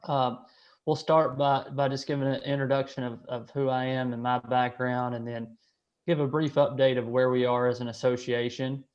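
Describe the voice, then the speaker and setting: A man, hosting an online meeting in a hesitant way, with many restarts and fillers. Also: mid-range voice. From Kentucky, USA. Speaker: association director hosting a call. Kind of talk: casual online meeting talk. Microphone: video call. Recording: slightly dull call audio.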